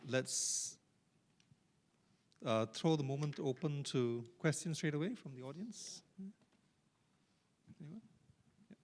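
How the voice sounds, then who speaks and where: A man's voice: a little high, lively intonation, takes it slowly, pauses often, darkish tone. A man chairing a conference Q&A who speaks in a hesitant way, with many fillers. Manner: hesitant, filler-heavy phrasing. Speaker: moderator. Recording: reverberant conference hall.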